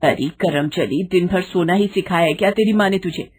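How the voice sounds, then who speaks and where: A woman voicing a harsh, scolding middle-aged mother-in-law who shouts and taunts her daughter-in-law, in a storybook reading. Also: fairly low pitch, normal speed, breathy edge. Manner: shouting, taunting, mock-sweet with guests.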